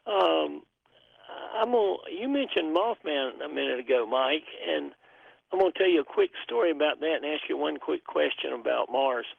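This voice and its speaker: Gravelly man with an Appalachian twang on the phone. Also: a little high, lively intonation, normal speed, no room sound. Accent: Southern Appalachian twang. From North Carolina, United States. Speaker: phone-in caller. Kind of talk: casual storytelling. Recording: tinny phone line.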